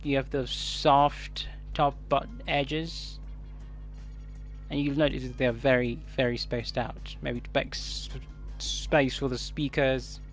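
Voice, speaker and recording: A man with a Kenyan, East African accent talks through an unboxing in a casual reviewer's style. His pitch sits in the middle range for a man, and he speaks in halting phrases as if thinking aloud. Music plays behind his voice. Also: level tone. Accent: Kenyan English. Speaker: tech reviewer.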